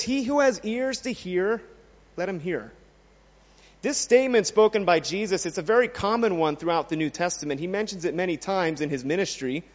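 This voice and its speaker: A man with a high voice preaches a sermon in an earnest way, often putting questions to his listeners. His voice rings with a long reverb, as in a large hall. The sound is muffled and dull.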